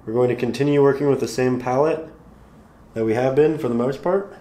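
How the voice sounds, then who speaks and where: In an unhurried, encouraging manner, a male painting instructor guides viewers step by step through a tutorial. His mid-range voice is a little hoarse and calm.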